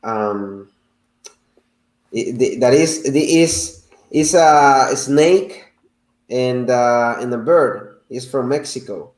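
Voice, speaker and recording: A man talks casually as a guest, halting now and then while he hunts for the right word. He speaks at an ordinary pitch. His voice rings in a roomy, echoey space. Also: lively intonation, darkish tone. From El Salvador. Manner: halting, searching for words. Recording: roomy echo.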